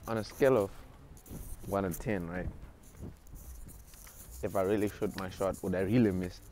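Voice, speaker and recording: This young man's voice is low and steady at a normal speed as he swaggers and jokes in street slang, poking fun at himself. He films a selfie vlog outdoors on city streets and inside a shop, using a wired earphone mic and a phone held from below, with loud traffic noise around him.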